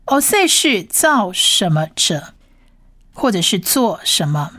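A woman teaching a language lesson who patiently repeats each sound slowly several times. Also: mid-range voice, big pitch swings, sharp tone, no echo, clean studio sound.

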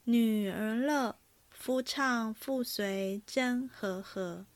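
Graceful young male opera actor, woman voicing him, slow measured verse. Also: fairly high pitch, no echo.

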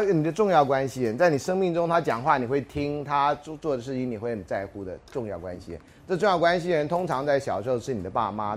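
Animated, fast-talking male lecturer. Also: mid-range voice. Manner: animated storyteller, acts out dialogue, frequent rhetorical questions. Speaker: university sociology lecturer. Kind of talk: anecdotal classroom lecture.

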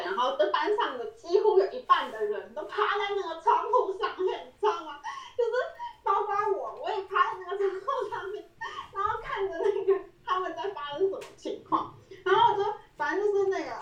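A woman's voice: extremely high pitch, very animated, a little fast, a bit bright, far from the mic, lo-fi sound. A woman, co-hosting a podcast and telling a story in casual chat. She laughs often and acts out the quoted lines. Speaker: podcast co-host. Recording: roomy echo, voice set back from the mic.

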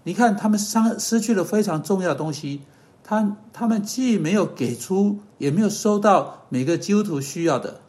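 A man giving an earnest sermon-style podcast teaching that closes in prayer, pausing on fillers and correcting himself as he goes. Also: high voice, expressive, a little mellow. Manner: earnest, measured, with hesitant fillers and self-corrections.

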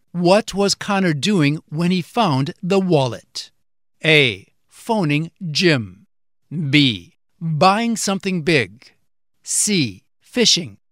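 A quiz reader delivering scripted questions and answer choices in deliberate, clearly separated phrases. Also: mid-range voice, fairly bright tone, no echo, studio quality.

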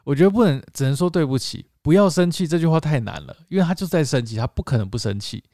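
A man's voice: a little high, animated, quick pace, mellow, no echo, clean studio sound. A man with a Taiwanese Mandarin accent, co-hosting a podcast in playful casual chat, often laughing and joking. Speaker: podcast co-host.

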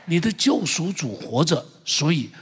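A middle-aged male pastor giving an impassioned sermon, with loud exclamations and calls for the congregation to repeat after him. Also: on the high side, sing-song, unhurried, slightly rough. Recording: long church-hall reverb.

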